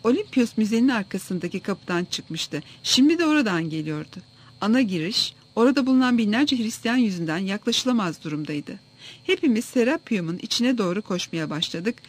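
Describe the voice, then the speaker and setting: A narrator reads a first-person historical story aloud for an audiobook. The delivery is steady and even, with the plain pace of a careful reading. It sounds like a chapter being read straight through. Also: medium pitch.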